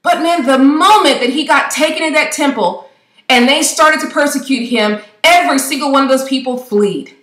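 A woman's voice: sits high, pushed and bright, echoey room. A woman giving an impassioned devotional talk to camera, preaching fervently and firing off rhetorical questions.

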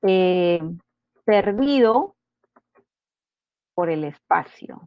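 A woman teaching a pre-university grammar lesson, explaining step by step and tagging her points with quick check-in questions. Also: mid-range voice, animated, dry recording, lo-fi sound. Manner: explanatory, constant tag questions. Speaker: language teacher.

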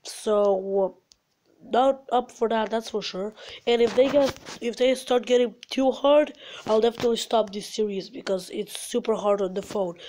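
A woman's voice: on the high side, moderate pace, slight background noise. A woman who is sick, commentating her phone game and swearing at it as the game glitches, recorded on the phone's own mic. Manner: frustrated, swearing, yelling at the game. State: sick, congested. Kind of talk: mobile gameplay commentary. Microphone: phone's built-in mic.

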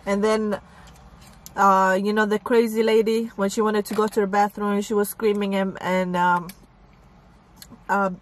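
A woman's voice: medium pitch, little pitch movement, measured pace. Casual woman hosting a food vlog. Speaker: mukbang channel host. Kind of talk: casual chat while eating.

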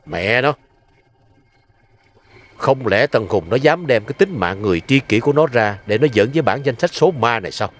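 An actor playing a scheming male gang boss who gives gruff, cool orders. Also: medium pitch, animated, moderate pace, pauses often, lightly acted. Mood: brooding. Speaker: gang leader. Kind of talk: crime drama acting.

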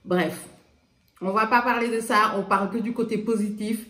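A woman from Senegal chatting excitedly to viewers in a casual unboxing vlog, dropping in English phrases, with a slight lisp. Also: mid-range voice, normal speed. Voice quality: slight lisp from dental appliance. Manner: excitable, exclaiming, addresses viewers directly; drops English phrases into speech. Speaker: vlogger showing a gift swap parcel. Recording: roomy echo, faint noise.

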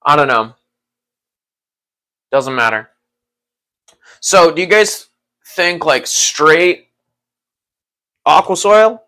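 A man hosting a casual livestream who rambles in a relaxed way, laughs often and talks to his chat. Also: a little high, very slow, long pauses. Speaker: livestream host.

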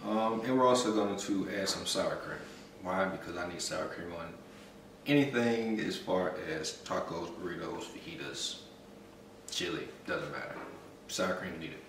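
A relaxed man in his thirties chats through a home cooking vlog, voice fairly low. He sounds a bit away from the mic in a very echoey kitchen. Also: a little slow, distant mic, noisy background. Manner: laid-back, explains step by step. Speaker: co-host cooking. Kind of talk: casual cooking vlog chat. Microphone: camera mic from a few feet away.

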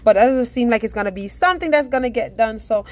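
A woman's voice: on the high side, fast. A middle-aged woman in a casual, rambling voice-over for her home DIY vlog, talking to viewers as guys.

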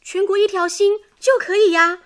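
In a radio drama, an actress plays an earnest, idealistic young daughter, speaking with sensitive, pleading emotion. Her female voice is very high-pitched and a bit bright, with a steady tone at normal speed.

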